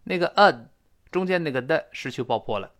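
Lively Chinese-accented male English teacher. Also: on the high side. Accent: Mandarin Chinese. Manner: lively, repeats words slowly to demonstrate. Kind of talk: explaining English pronunciation.

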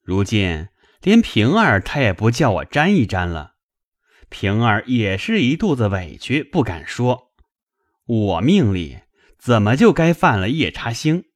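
A drunk young nobleman blusters and threatens in a lively, swinging voice. He speaks slowly and heavily, his pitch rising and dropping with every outburst. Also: no echo, clean studio sound. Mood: drunk angry. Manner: blustering, loud, heavy.

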